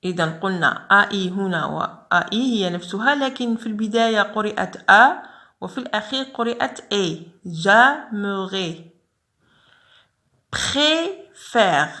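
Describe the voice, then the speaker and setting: A woman's voice: mid-range voice, a little fast, bright, forceful tone. A woman teaching French reading in a patient lesson style, drawing out syllables and repeating words. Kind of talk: slow spelled-out reading lesson.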